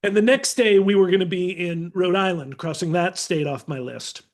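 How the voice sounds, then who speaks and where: A middle-aged man, a teacher, telling animated anecdotes as a podcast guest and acting out the people in them. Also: high voice, moderate pace. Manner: animated, acts out voices in anecdotes. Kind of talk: casual storytelling.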